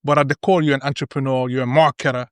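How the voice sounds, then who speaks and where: A man's voice: medium pitch, fairly even intonation, fast talker, smooth, no echo, studio quality. A man hosting a roundtable discussion, talking emphatically and checking in with "right?" and "okay?". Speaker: podcast host.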